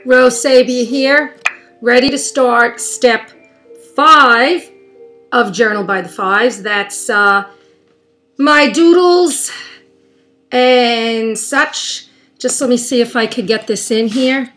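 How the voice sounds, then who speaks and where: Woman, slightly high voice, unhurried chatty craft tutorial host, chewing gum, faint music behind. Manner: slow, chatty, talks while working. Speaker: art journaling crafter. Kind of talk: casual craft tutorial chat. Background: soft soundscape music from a TV.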